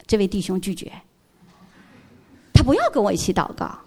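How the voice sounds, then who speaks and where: A woman's voice: mid-range voice, wildly swooping pitch, moderate pace, husky. A middle-aged woman giving an emotional church testimony, telling her story earnestly and dropping in English words.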